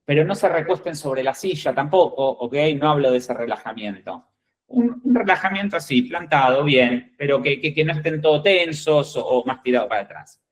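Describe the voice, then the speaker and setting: With a fairly high male voice and an Argentine accent, an executive recruiter speaks animatedly at normal speed, instructing job candidates. He's emphatic and direct, often confirming they follow with "¿bien?" or "¿ok?". The recording is low quality.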